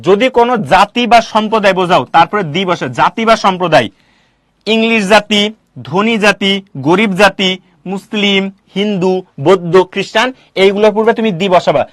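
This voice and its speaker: Man, teacher, high voice, quizzing a class. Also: a bit bright, dry recording, clean studio sound. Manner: quizzing students with rapid questions. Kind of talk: classroom grammar lecture.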